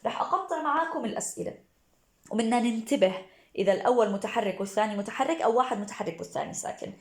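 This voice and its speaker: In a reverberant space, a woman teacher with a slightly high, expressive voice and a Levantine Arabic accent walks exam students through poetic meter. She questions and answers herself and chants syllables at a slow pace.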